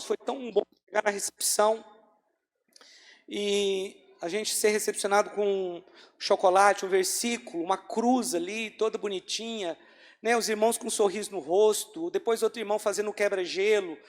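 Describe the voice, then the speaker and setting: A man preaching as pastor of his church in an earnest sermon that repeats key lines and swings between loud and soft. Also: high-pitched, steady tone, moderate pace. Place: church hall. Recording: long hall reverb of a church.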